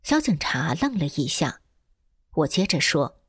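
A woman reading a first-person testimony aloud in a steady, earnest way. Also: low voice, a little slow, breathy edge, no room sound, clean studio sound.

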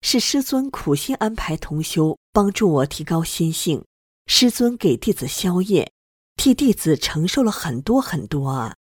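A reader giving an earnest, steady first-person narration of a personal testimony. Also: medium pitch, a little slow, no room sound, studio quality.

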